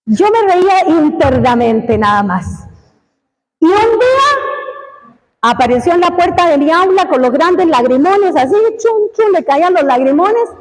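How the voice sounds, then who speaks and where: Brief: animated woman preacher, high voice, echoey hall sound, acts out stories mid-sermon. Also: unhurried. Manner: emphatic, repeats phrases, acts out stories.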